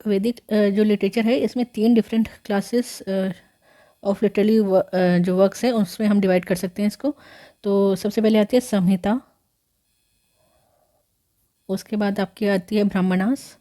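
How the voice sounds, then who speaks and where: In a steady, dark voice of medium pitch, a female history teacher lectures at a measured pace, pausing often. She explains step by step, leans on fillers, corrects herself, and blends English words into her talk.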